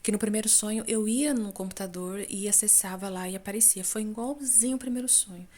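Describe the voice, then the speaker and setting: Mellow-voiced Brazilian woman telling a dream. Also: medium pitch, a little fast. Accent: Brazilian Portuguese. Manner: conversational, addresses listeners as brothers and folks, frequent tag questions. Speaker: church member giving a testimony. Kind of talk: recounting a dream testimony.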